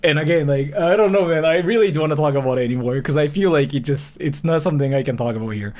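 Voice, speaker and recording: With a fairly high, slightly mellow voice, a man in his thirties rambles through casual livestream talk and reactions. He often pauses, corrects himself partway through a thought, and sprinkles in plenty of filler.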